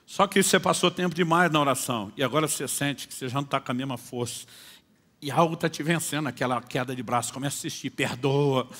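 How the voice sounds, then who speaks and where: A male pastor preaching a sermon, telling stories and acting out dialogues, moving between hushed and loud delivery. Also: medium pitch, fast talker. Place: church conference hall. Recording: long hall reverb.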